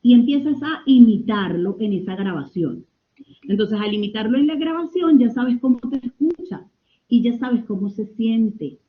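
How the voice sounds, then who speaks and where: A woman's voice: fairly high pitch, animated, moderate pace. A woman giving a communication lecture online. She talks expressively and shifts her tone and pace to demonstrate. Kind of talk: online lecture answering questions. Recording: tinny phone-like audio.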